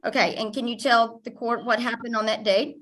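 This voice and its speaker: A woman's voice: on the high side, fairly even intonation, brisk, a bit bright, poor audio. A woman attorney asking a witness brief, formal questions in court.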